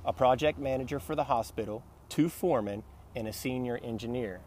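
A man's voice: mid-range voice, brisk, a little mellow, a little hiss or hum, lightly acted. A man voicing a businesslike woman executive who counts off needs in a matter-of-fact way.

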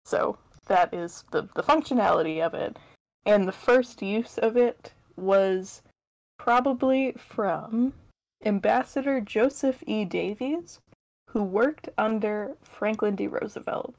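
A woman co-hosting a casual podcast, chatting in a friendly, relaxed way. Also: medium pitch, takes it slowly, dry recording, rough recording. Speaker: podcast co-host. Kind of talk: casual chat.

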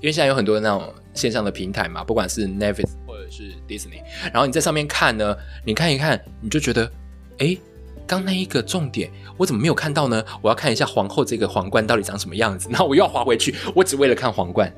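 A man co-hosting a casual chat podcast, an animated storyteller who acts out what his friends said. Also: medium pitch, fast talker, soft background music. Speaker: podcast co-host.

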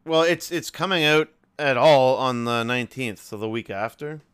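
A man's voice: medium pitch, normal speed, a bit bright, clear, resonant tone. A man from Canada hosting a casual podcast chat, loose and jokey, swearing freely as he talks. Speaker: podcast host.

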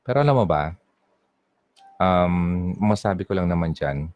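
Low-voiced Bicolano radio DJ, dry sound. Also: male voice, expressive, a little slow, no room sound, muffled recording. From Bicol, Philippines. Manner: chatty Taglish code-switching, reads listener messages. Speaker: online radio DJ. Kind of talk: casual call-in radio chat.

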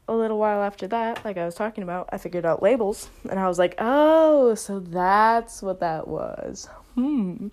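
A woman's voice: medium pitch, a little mellow. A young woman hosting a casual solo podcast, talking in a chatty, rambling way and saying "like" a lot. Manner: chatty, rambling, heavy use of "like". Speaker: podcast host.

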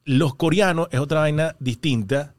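A man's voice: fairly high pitch, normal speed, no room sound. A man, co-hosting a casual comedy podcast and joking about in a studio. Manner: animated, jokes and imitates accents. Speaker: co-host. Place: recording studio. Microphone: studio microphone.

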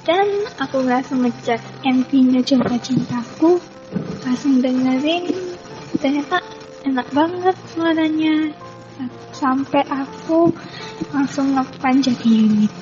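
Slow halting woman fan, high voice, dull lo-fi sound. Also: over music. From Malang.

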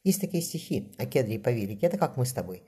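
A man doing a strong, devoted lover in a storybook reading, soft and tender in manner. The voice is mellow and a little husky, and the pace stays brisk. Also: mid-range voice, very animated.

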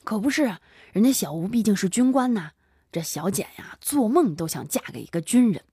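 A woman telling a story in animated chat, dramatic and full of sighing interjections. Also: mid-range voice, fairly quick, slightly rough, no echo, studio quality.

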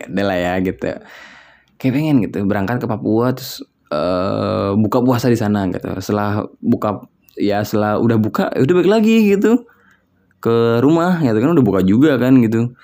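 A young man from West Java talks in a loose, rambling solo chat, thinking aloud and padding his sentences with fillers. His voice sits on the low side, with a dark, mellow tone. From West Java, Indonesia.

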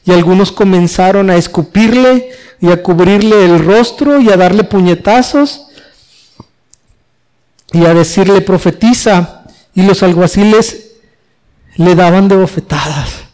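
Male preacher, high-pitched, reading scripture and expounding it with emphatic, rising delivery. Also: a little slow, pauses often, a little mellow. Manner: reads scripture then explains it, rising emphatically on quoted questions. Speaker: pastor. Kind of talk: expository sermon.

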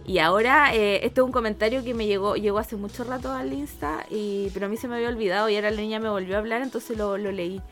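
Chilean woman in her thirties, podcast co-host, bright voice with faint music behind, casual slangy banter. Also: mid-range voice, fast talker, hardly any pauses. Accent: Chilean Spanish. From Argentina, raised in Chile. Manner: laughs often, slangy and animated. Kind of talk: casual chat.

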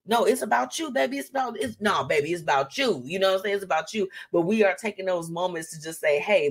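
A woman hosting a live online show in casual chat, encouraging and emphatic, often repeating words and phrases and checking in with little tags. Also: on the low side. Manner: conversational, often tags statements with "okay"; uplifting, encouraging.

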